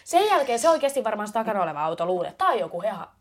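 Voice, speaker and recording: A young woman with a Finnish accent telling a funny story on a podcast, animated and laughing. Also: medium pitch. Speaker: podcast co-host. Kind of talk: casual storytelling chat.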